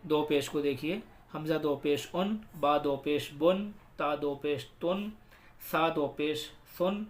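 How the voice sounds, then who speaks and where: A man with a fairly high voice leads a recitation lesson. He drills each letter sound slowly and deliberately, pausing between every item as a patient teacher. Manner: slow drawn-out letter-by-letter drilling. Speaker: Quran reading teacher.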